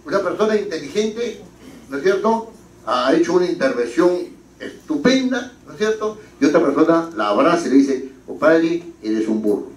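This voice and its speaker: A man lectures in a slightly high, animated voice, full of rhetorical questions and stories. He is caught from a distance in a roomy hall with a faint ambient hiss behind him. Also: normal speed. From Peru. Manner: lively, rhetorical questions, anecdotes. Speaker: parliamentary writing instructor. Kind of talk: classroom lecture. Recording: echoey hall from afar.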